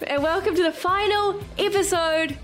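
A woman's voice: very high voice, moderate pace, music in the background. A woman with a New Zealand accent hosts a casual panel podcast, talking informally with dry, ironic humour. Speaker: podcast host. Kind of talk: casual, joking panel chat.

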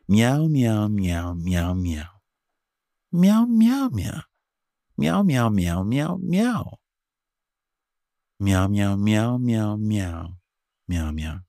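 A man's voice: lowish voice, no echo, studio quality. A man repeating cat-like meows in sing-song phrases that rise and fall and fade at the end of each run. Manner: sing-song rising and falling phrases that trail off softly at the end. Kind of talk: repetitive meowing chant.

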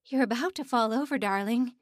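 A woman's voice: on the high side, animated, normal speed, dry recording, clean studio sound, voice pushed up. A woman voicing a fussy, doting middle-aged mother figure in a storybook reading. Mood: fussing. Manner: doting and insistent.

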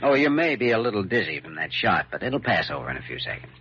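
Low-voiced, wry Doctor Kildare. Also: male voice, big pitch swings, fast, bright, forceful tone, slightly rough, heavily acted. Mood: cool, wry. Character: quick-witted, wry, unflappable young male hospital doctor. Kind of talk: 1940s radio drama acting. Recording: muffled, hissy old radio recording.

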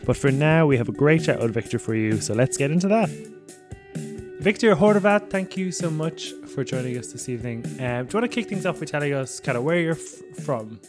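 A man's voice: a little high, expressive, a little fast, music in the background. A man hosting a documentary podcast, reading a scripted introduction and then asking friendly, loosely phrased interview questions. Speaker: podcast host.

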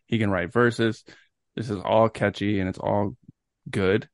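A man's voice: fairly low pitch, steady tone, a little slow, dry recording, clean studio sound. A young man co-hosting a podcast, chatting casually and telling stories with enthusiasm and casual swearing. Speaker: podcast co-host. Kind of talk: casual chat.

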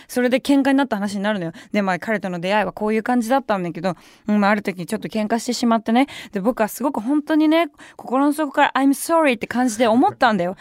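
Fast-talking young woman radio host. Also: fairly high pitch, no echo, clean studio sound. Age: young adult. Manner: chatty storytelling with wry asides. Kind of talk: casual radio talk. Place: radio studio. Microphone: studio microphone.

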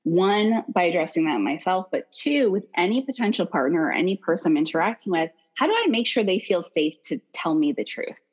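A woman's voice: on the low side, sing-song, brisk, few pauses, muffled recording. A woman as a podcast guest, explaining things animatedly and acting out quoted voices. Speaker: podcast guest, consent educator. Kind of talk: podcast interview.

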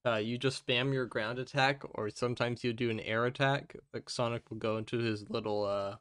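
A man hosting a casual gaming podcast, talking in a rambling, halting way with his speech muffled by gauze in his mouth. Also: mid-range voice, fairly even intonation, fairly bright tone, clean tone, dry recording, clean studio sound. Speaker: podcast host.

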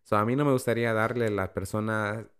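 Low-voiced, hesitant man in casual chat. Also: steady tone, a bit bright, smooth. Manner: hesitant, halting, mixes in English words. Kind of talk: casual conversation.

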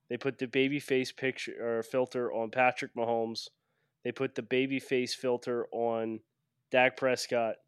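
A man's voice: medium pitch, smooth, no room sound, studio quality. A man co-hosting a sports podcast in casual chat, explaining things point by point. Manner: explains in ticked-off lists. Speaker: podcast co-host.

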